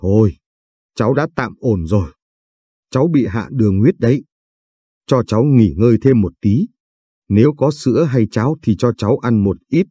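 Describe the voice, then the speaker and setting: A man voicing a kindly village doctor in a spoken storybook, calm and reassuring as he gives advice. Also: medium pitch, moderate pace, long pauses, husky, dry recording.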